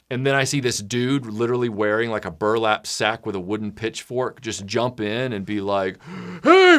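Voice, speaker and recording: A man speaking bluntly and casually to his supporters, now and then mimicking other people in loud, high voices. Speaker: channel creator addressing patrons.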